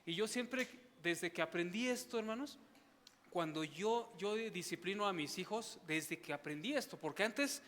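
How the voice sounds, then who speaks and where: A man's voice: high-pitched, expressive, normal speed, fairly bright tone, in a large hall, slight background noise. A man preaching a conversational sermon to his congregation, often asking "¿verdad?". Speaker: pastor. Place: church sanctuary.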